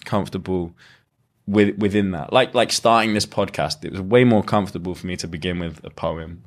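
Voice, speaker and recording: A lyricist appears as a podcast guest in a reflective, conversational interview, his voice low and slightly quick. He lays out his ideas at length, often starting sentences over.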